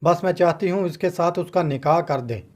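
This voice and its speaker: A man's voice: on the high side, a little fast, a little mellow, close to an everyday voice. A man voicing a harsh, stubborn middle-aged aunt who scolds the family, in a storybook reading. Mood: angry.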